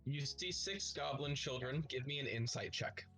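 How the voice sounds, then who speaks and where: A man's voice: medium pitch, moderate pace, sharp tone, soft background music, poor audio. A man acting as game master, narrating a tabletop role-playing game to the players.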